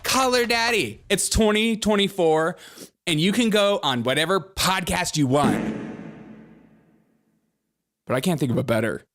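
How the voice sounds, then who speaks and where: A man's voice: high voice, measured pace, pauses often. Sarcastic male political commentator. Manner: sarcastic and mocking, energetic. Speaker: host.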